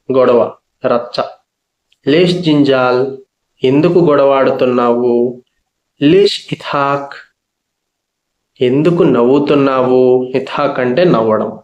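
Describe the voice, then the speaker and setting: Slow, patient male language teacher. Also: medium pitch, a little mellow, roomy sound, lo-fi sound. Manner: slow, patient, repeats each phrase and its meaning. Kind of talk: spoken language lesson.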